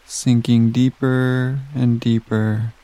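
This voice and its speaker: Slow, soothing man guiding sleep. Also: medium pitch, little pitch movement, poor audio. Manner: slow, soft and soothing with long pauses. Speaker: meditation guide. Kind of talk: guided sleep meditation.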